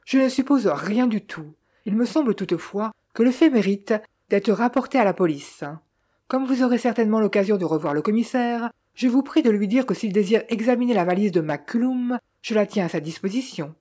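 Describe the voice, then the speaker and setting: A woman voicing a kind, elderly lady doctor in an audiobook, polite and firmly insistent. Her tone is mellow and warm, at an ordinary pitch. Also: animated, lightly acted. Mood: courteous. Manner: courteous, measured.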